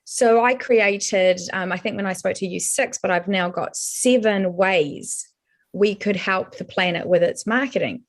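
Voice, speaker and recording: A woman's voice: mid-range voice, measured pace. Middle-aged woman, broad Kiwi accent. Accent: broad New Zealand (Kiwi). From born in Colombia, raised in New Zealand from age seven. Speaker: podcast guest, advertising professional. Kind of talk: conversational interview storytelling.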